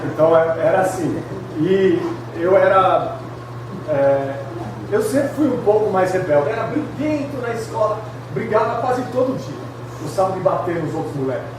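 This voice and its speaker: In a large, echoey retreat hall, a high-voiced, middle-aged Brazilian pastor delivers a humorous personal testimony at a moderate pace. He tells it chattily, with frequent tag questions and laughing asides, while a distant mic captures steady background noise.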